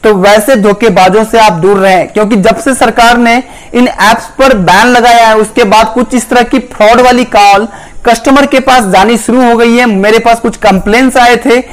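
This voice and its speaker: Very high-pitched man explaining. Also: fairly even intonation, moderate pace, poor audio. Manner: earnest, direct advice to viewers. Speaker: tech channel host. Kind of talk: informative voice-over explainer.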